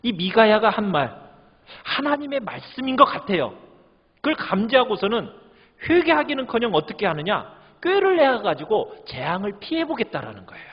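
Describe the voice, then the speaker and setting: A man's voice: high voice, very animated, normal speed, slightly rough. A male pastor preaching, reading scripture aloud and asking the congregation questions, acting out the quoted lines. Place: church hall. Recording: lo-fi church recording with long reverb.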